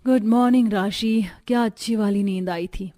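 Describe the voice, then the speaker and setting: A woman's voice: mid-range voice, steady tone, normal speed, mellow, close to an everyday voice. A woman voicing a carefree young daughter-in-law who talks in a breezy, cheeky way.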